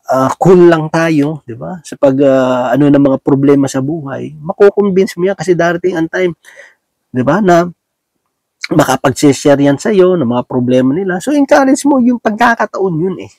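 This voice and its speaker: A man's voice: a little high, animated, moderate pace, darkish tone, no room sound. Filipino man preaching in a folksy way. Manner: folksy, asks "di ba?" often, acts out little scenes. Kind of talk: conversational sermon.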